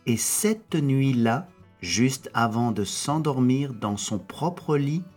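Slow husky man reading a fairy tale. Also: mid-range voice, animated. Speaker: narrator. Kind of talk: storybook reading. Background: soft music.

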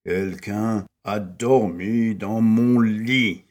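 Man doing a gruff, deep papa bear. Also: steady tone, drawn-out words, a little mellow. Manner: low and growling. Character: gruff big father bear.

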